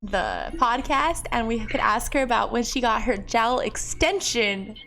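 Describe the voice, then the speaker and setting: A young woman co-hosting a casual podcast, explaining things in a relaxed, hedging way. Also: on the high side, measured pace, a little hiss or hum. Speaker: podcast co-host. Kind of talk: casual chat.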